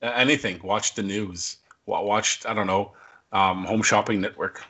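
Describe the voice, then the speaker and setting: A blunt, sarcastic man chats on a podcast and swears without a second thought. His voice sits rather low and has a husky edge. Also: steady tone, moderate pace, pushed and bright. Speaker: podcast co-host. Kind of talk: casual chat.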